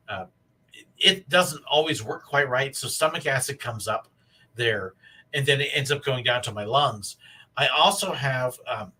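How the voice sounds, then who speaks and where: A man with a wheezy, breathless voice, very bright and forceful but husky around the edges. He hosts a casual livestream, rambling and haltingly thinking aloud, picked up by a somewhat distant mic. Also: medium pitch. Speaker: live stream host.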